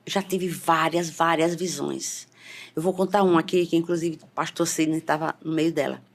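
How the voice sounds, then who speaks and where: A middle-aged woman giving an emotional church testimony, repeating phrases and rising in pitch as she relives the scenes. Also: fairly even intonation, moderate pace. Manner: repetitive, fervent, voice rising when reliving scenes.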